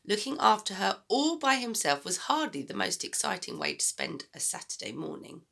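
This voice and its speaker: Woman, expressive children's storyteller, hugely varied intonation, bright crisp edge, some creak. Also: mid-range voice, moderate pace. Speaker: teacher reading aloud.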